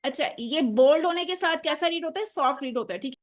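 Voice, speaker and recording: A woman teaching Quran recitation in a lesson, patiently repeating words slowly for her pupils, speaking words. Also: high voice, lively intonation. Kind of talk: online tajweed lesson.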